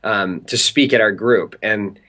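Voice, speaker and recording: A young Southern Californian man appears as an interview guest, telling an animated story. His talk is chatty and packed with filler words, delivered in a lowish voice at a measured pace.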